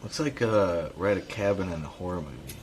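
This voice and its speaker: A man's voice: low-pitched, animated, a little fast, darkish tone, echoey room, distant mic, slight background noise, poor audio. A man streaming, teasing a friend in casual, playful chat.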